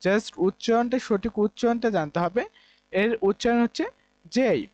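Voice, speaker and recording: A man's voice: extremely high pitch, moderate pace, darkish tone, dry recording. A man from Bangladesh, teaching English grammar in a classroom-style lesson, explaining step by step and repeating key points.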